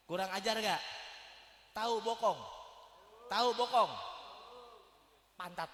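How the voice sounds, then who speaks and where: Joking preacher. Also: male voice, high voice, bright, forceful tone. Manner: joking, asks the crowd questions. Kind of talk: lively sermon. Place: mosque hall. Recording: echoey hall reverb.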